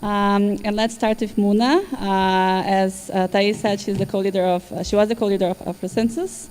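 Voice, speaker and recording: A woman's voice: medium pitch, fairly even intonation, moderate pace, a little mellow. A woman moderating a conference panel, who talks in an informal, reassuring way. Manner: informal, reassuring while the slides are fixed.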